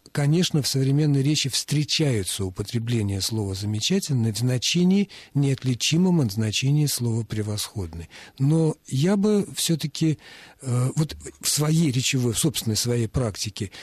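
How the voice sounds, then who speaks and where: A man, a language expert, giving measured explanations to callers on a radio call-in show, with frequent hesitant fillers. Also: mid-range voice, darkish tone, husky, no echo.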